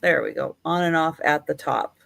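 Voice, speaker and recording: A woman hosting a live sale as the auctioneer, describing items in an unhurried, chatty, measured way. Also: low voice, vocal fry, a bit bright, a little hiss or hum.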